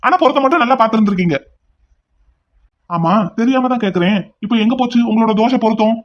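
Guy doing a stubborn young hero in a cartoon, quick and highish, pushy, kinda muffled audio. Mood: defiant. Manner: forceful, insistent. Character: headstrong young man, protective and defiant. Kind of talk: cartoon drama dubbing.

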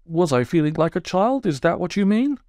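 A man's voice: high-pitched, sing-song, fairly quick, a little mellow, no room sound, studio quality, voice pushed up. A man voicing a self-pitying, touchy male toad who speaks in a plaintive, wounded way.

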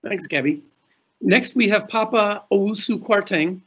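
A middle-aged man hosts a panel from an indoor room, speaking into a webcam. His voice sits high and sounds husky, and the video-call audio is a little muffled. He reads the introductions in a formal way. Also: unhurried, fairly bright tone. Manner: formal, reading announcements. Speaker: panel moderator.

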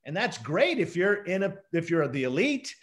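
A man's voice: high-pitched, sing-song, normal speed. A man in his fifties with a standard American accent, explaining emphatically as a professor in an interview on a video call. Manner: explanatory, emphatic, asks rhetorical questions. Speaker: professor and author, interview guest. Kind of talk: scholarly discussion in an interview. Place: indoor room, video call.

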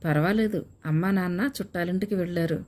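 A woman reading the lines of a shy young woman engaged to be married, speaking softly and bashfully. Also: lowish voice, quick pace, close to an everyday voice. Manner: soft, bashful. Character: shy young bride-to-be, soft-spoken. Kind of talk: audiobook character reading.

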